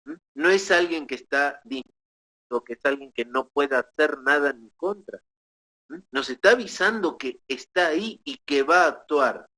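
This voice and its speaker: Pastor de voz algo aguda predicando. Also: male voice, a little high, sharp tone, poor audio. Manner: teaching, checks in with short tag questions; measured, with pauses and restarts. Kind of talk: sermon.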